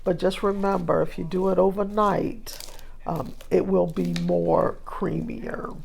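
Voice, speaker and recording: Woman cooking host, homey and chatty, unhurried delivery, gravelly voice, home kitchen. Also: on the low side, fairly even intonation, darkish tone, slight background noise. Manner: chatty, homey, with frequent fillers. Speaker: cooking vlogger. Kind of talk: casual recipe demonstration.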